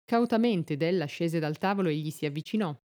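A woman narrating a story aloud in a measured, expressive audiobook reading. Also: on the low side.

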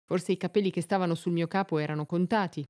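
A woman's voice: lowish voice, steady tone, quick pace, a little mellow, lightly acted. A woman voicing an anxious young wife who pleads earnestly and tenderly. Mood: insistent.

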